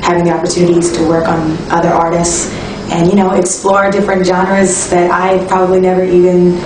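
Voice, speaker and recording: A young woman, a singer-songwriter talking casually in an interview, relaxed and reflective with frequent ums and restarts. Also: lowish voice, a little fast, background noise. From Toronto, Canada. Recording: echoey room, distant mic, music behind.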